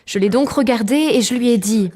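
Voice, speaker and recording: A woman giving a calm, measured personal testimony as a translated voice-over. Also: on the high side. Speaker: testimony narrator.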